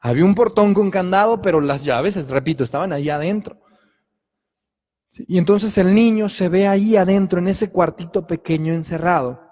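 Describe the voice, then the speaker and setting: A man's voice: high voice, moderate pace, darkish tone, long reverb tail. A middle-aged man preaching a sermon, telling a personal story earnestly and checking in with listeners often.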